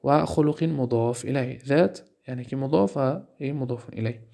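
A man with a Tajik accent teaching an Arabic grammar lesson, asking himself questions and repeating key terms slowly. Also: mid-range voice, vocal fry, mellow.

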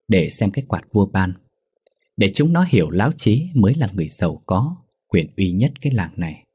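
A man narrating a folk tale in a lively, colloquial storytelling manner. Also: low voice, slightly rough, no room sound, clean studio sound.

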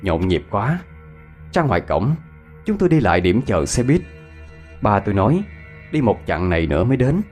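Guy reading a ghost story, lowish voice, lots of up and down, quiet music behind. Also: moderate pace, long pauses. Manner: dramatic, expressive storytelling. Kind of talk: scripted horror story narration. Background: faint music.

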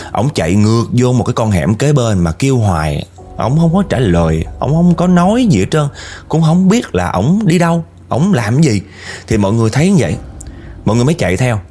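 A man with a Southern Vietnamese accent telling a ghost story in a casual, animated way, often speaking straight to the listeners. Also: lowish voice. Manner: animated, addresses listeners directly.

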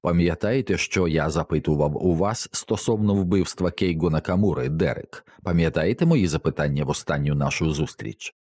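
A man voicing a controlled ex-detective who questions people in a brisk, probing way in an audiobook. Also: low-pitched, darkish tone, no room sound, clean studio sound.

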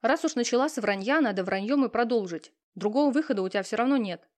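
A woman's voice: a little high, expressive, quick pace, natural voice. A woman reading a cheeky, cynical young friend. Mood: breezy. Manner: breezy, matter-of-fact, teasing. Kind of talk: audiobook character reading.

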